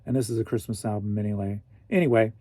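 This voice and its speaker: This forties-aged online reseller from St. Louis, Missouri jokes and talks to himself as he packs up orders. His voice is on the low side and dark in tone, fast with a steady delivery, recorded dry.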